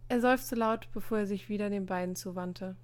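A woman narrating a story aloud in an even, measured way. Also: mid-range voice.

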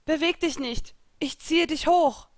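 A woman's voice: sits high, measured pace, dry recording, studio quality, pitched above the performer's own voice. A woman doing a fierce young warrior woman. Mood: urgent. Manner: urgent, raised calls. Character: brave young woman warrior, commanding and protective.

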